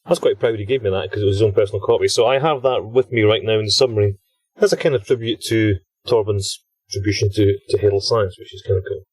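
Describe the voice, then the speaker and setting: A British man talks in a chatty, enthusiastic way, laughing easily as he records a log from inside a cramped titanium submersible. His voice sits fairly low and sounds dry and close, with little room sound around it. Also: steady tone, quick pace, a little mellow, breathy edge, no echo. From Britain. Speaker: expedition scientist and podcast host. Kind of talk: casual chat recorded as an audio log. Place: inside a small deep-sea submersible sphere.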